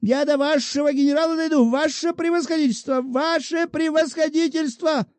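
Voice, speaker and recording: Shrill whining old woman, as a man puts her on. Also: moderate pace, a little mellow, no echo. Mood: indignant. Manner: shrill, wheedling, squealing falsetto.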